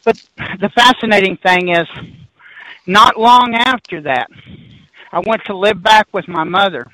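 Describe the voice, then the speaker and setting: High, bright-voiced man telling a story. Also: measured pace, no room sound, low-quality recording. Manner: rambling, animated storyteller who backtracks and laughs. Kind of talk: casual storytelling chat.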